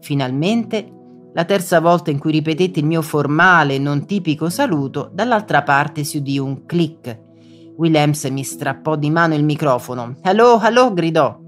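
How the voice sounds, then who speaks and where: An audiobook narrator reading a first-person story in a measured, dramatic way. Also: medium pitch, soft background music.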